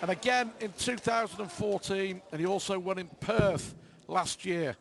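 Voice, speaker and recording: A man's voice: high voice, normal speed. A man giving live darts commentary as the lead commentator. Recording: clear background noise from venue.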